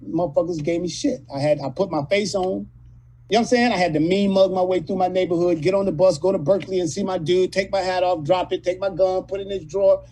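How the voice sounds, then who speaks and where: Husky high-voiced man in his fifties. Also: a little mellow, rough recording. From California, USA. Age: 50s. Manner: profane, rambling, street-talking storyteller. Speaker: actor guest. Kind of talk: casual storytelling interview.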